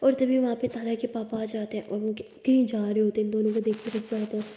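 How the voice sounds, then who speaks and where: A woman narrating a romance story in a relaxed, chatty retelling. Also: on the high side, quick pace, slight background noise. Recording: echoey room with long reverb.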